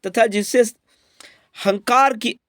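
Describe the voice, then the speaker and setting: A man's voice: extremely high pitch, slow pace, a bit bright, dry recording, clean studio sound. A man teaching a grammar exam lesson, asking the class questions and answering them himself, with frequent checks that they follow. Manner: repeats each point as a question and answer, "ठीक है?" checks.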